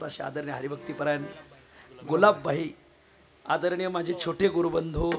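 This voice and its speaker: A hoarse man with a fairly high voice preaches a devotional kirtan to a village crowd. His delivery is folksy and full of jokes aimed straight at his listeners. Faint instrumental music sits behind his voice. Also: a bit bright. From Maharashtra. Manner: folksy, joking, addresses the audience directly. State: hoarse from three kirtans the day before. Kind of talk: devotional kirtan sermon with humor. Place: village gathering with harmonium and mridang accompaniment.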